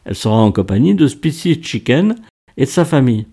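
A man's voice: medium pitch, sing-song, fairly quick, creaky, warm tone. A man voicing an anxious young factory worker who earnestly lays out a plan, within a read-aloud story. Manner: earnest, explaining plans in detail.

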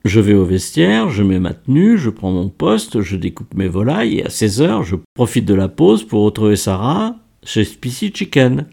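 A man's voice: lowish voice, sing-song, normal speed, gravelly, hardly any pauses, mellow, slightly rough, heavily acted. A man voicing an anxious young factory worker who earnestly lays out a plan, within a read-aloud story. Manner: earnest, explaining plans in detail.

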